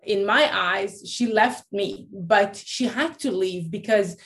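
A life coach originally from Iran, now in her late thirties, shares her personal story as a guest. Her medium-pitched voice is slow and a bit bright, and she frequently restarts and uses fillers.

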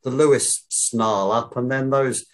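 A man's voice: mid-range voice, steady tone, slow. A man from England in casual podcast chat, blunt and grumbling, with some swearing. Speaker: podcast co-host.

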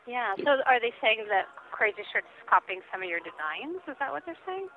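A woman's voice: fairly high pitch, big pitch swings, fairly quick, a crowd in the background. Puzzled woman heard over the phone. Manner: polite, puzzled, asks questions. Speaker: store manager. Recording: muffled phone line.

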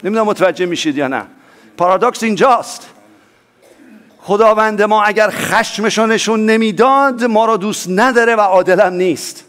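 A man preaching a sermon as pastor, swinging between loud emphatic lines and soft low asides, and calling on the congregation to respond.

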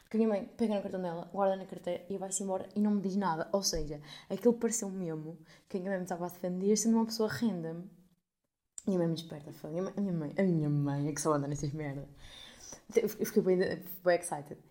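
Young woman, European Portuguese accent, casual podcast storytelling, swears a lot, dark voice, rapid delivery. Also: fairly low pitch. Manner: animated, swears freely, acts out quoted people. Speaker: podcast host.

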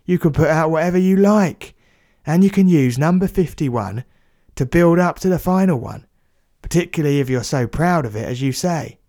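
For a comic audio story, a man plays a cheeky, blunt, working-class plumber who's matey and throws out slang with a grin in his voice. His voice is a little high, animated, and dark in tone at normal speed, recorded bone-dry and close to the mic like a small studio booth.

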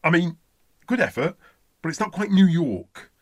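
A man's voice: sits high, expressive, normal speed, dry recording. A man from Essex, an accent coach in a comedy sketch interview, talking in a pompous, self-important way. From Essex, England.

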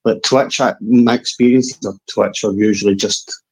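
A man's voice: fairly low pitch, fairly even intonation, moderate pace, a little mellow, husky, rough recording. A man with a broad, thick Scottish accent, reminiscing casually as a guest calling in to a show. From Scotland. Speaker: call-in guest.

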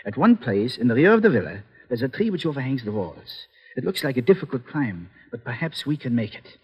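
Husky, earnest little radio-drama schemer. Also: male voice, mid-range voice, very animated, a little fast, highs cut off. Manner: formal, careful phrasing. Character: small, resourceful, secretive man, earnest foreign ally. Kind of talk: old-time radio adventure acting. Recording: reverberant old radio recording.

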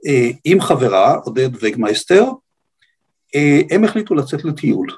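An older man with an Israeli accent and a slightly husky voice, giving an unscripted historical account as a guest, in halting, deliberate phrases. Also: medium pitch, sing-song, darkish tone. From Israel, grew up on a kibbutz.

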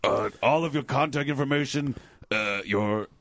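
A bumbling government spy, as a man puts him on, mumbling halting surveillance reports and stammering over every word. His voice is bright and forceful, at an ordinary pitch. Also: no room sound, close to an everyday voice. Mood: flustered. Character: bumbling male government agent spying on the line. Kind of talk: improvised comedy bit.

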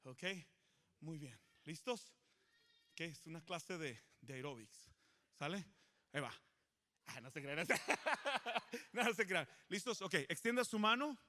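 A man, a pastor leading a lively sermon in church with call-and-response and joking asides to the congregation. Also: on the high side, a little slow, pauses often. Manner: animated, joking, coaxing the crowd. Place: church service before a congregation.

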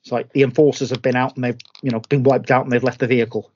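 A man's voice: medium pitch, little pitch movement, rapid-fire, darkish tone, slight background noise. A man hosting a casual podcast chat about tabletop miniatures, rambling and restarting his sentences. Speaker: podcast host. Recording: dull lo-fi sound.

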